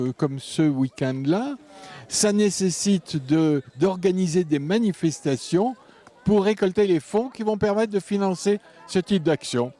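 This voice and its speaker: Slow, mellow-voiced man. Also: high voice. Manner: measured, hesitant with fillers. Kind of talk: interview statement.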